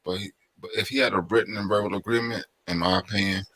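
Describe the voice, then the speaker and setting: Male host, very low pitch with a bright edge, steady and matter-of-fact. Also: quick pace, rough recording. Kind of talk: casual banter.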